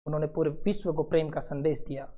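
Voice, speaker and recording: A male teacher giving a lively classroom lecture to students preparing for competitive exams. He tells stories and acts out scenes, with quick asides. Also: fairly high pitch. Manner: storytelling, acting out scenes and voices, quick asides.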